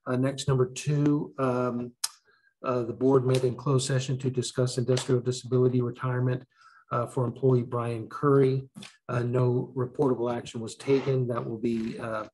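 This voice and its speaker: Flat, formal man reading a legal report. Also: mid-range voice, a little hiss or hum, poor audio. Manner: measured, formal legal phrasing. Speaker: board legal counsel. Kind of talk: formal report of closed session.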